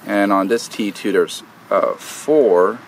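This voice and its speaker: A man with a fairly low voice walks through a hands-on repair outdoors, pausing often on "uh" and "um" as he works. He talks casually, as if to a viewer beside him. A faint hum of outdoor noise sits under his voice. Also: vocal fry. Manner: hesitant, many "uh" and "um" fillers, explains step by step while working. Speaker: DIY video host. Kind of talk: casual how-to explanation. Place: outdoors at an air conditioner unit.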